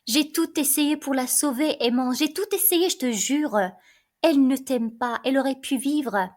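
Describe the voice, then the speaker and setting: A woman's voice: high-pitched, moderate pace, lightly acted. A woman reading aloud the part of a stern older king, firm and resigned.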